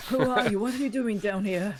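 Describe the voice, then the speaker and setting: A man playing a gruff captive in a fantasy tabletop game, wary and demanding. The voice is pushed up well above the speaker's everyday talk, with suspicious, insistent questioning. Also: high voice, a little fast, pitched above the performer's own voice, close to an everyday voice. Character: gruff wary male prisoner shivering in a cell.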